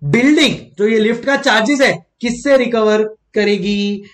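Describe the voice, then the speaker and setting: High-voiced playful teacher. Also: male voice, moderate pace. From Mumbai, India. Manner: playful, chatty, jokes and asks students questions. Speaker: accountancy exam teacher. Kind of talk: classroom lecture with personal storytelling.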